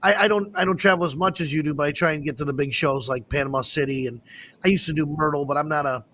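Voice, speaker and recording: A man hosting a casual talk show, chatting and telling stories in an excitable, animated way. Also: a little high, fast, a little hiss or hum. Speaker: host. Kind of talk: casual chat.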